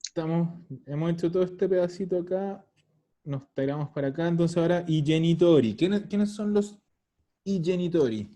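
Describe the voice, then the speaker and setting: A man's voice: fairly high pitch, moderate pace, dark tone. A man teaching an online language lesson, patiently explaining and repeating words over a video call. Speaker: Italian teacher.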